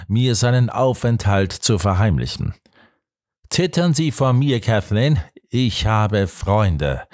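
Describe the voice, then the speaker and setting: A man reading the part of a menacing nobleman officer in an audiobook, his threats dark and rumbling.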